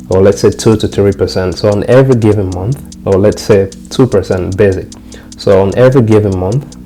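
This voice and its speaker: A young Cameroonian man who hosts a trading channel gives a casual walkthrough of his trading dashboard on screen. His lowish, mellow voice is loose and repetitive, often circling back to the same phrase, with soft music faintly underneath.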